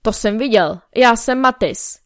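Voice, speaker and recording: A woman voicing a short, cheerful man who asks polite but nosy questions, in a smooth, clear voice. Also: a little high, dry recording, studio quality, lightly acted. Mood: curious. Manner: friendly, politely inquisitive.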